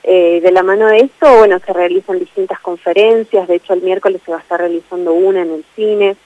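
A woman with an Argentine accent, a tourism official answering questions in a radio interview, speaking in a measured way with many fillers. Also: lowish voice, fairly even intonation, no echo, phone-quality sound. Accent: Argentine Spanish.

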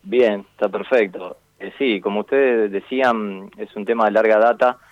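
A man, a phone-in guest on a radio show, speaking in a measured, hesitant way with many filler sounds. His phone line keeps breaking up and cutting out. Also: lowish voice, dry recording. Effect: phone line breaking up, signal cutting out. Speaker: phone-in guest, environmental activist. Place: indoors in a shop.

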